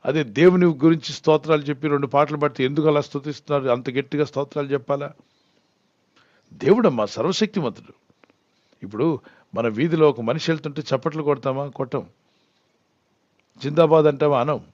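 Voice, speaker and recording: A man's voice: on the high side, fast talker, a little mellow, dry recording, dull audio. A man speaking as a pastor in a Bible question-and-answer talk, earnest and often putting questions to the listener before answering them. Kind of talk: Bible Q&A teaching.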